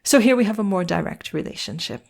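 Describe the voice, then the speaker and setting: A woman's voice: medium pitch, expressive, fast, creaky. A woman teacher walks through editing a text step by step, asking questions aloud and answering them herself. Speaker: writing teacher. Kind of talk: walkthrough editing lesson.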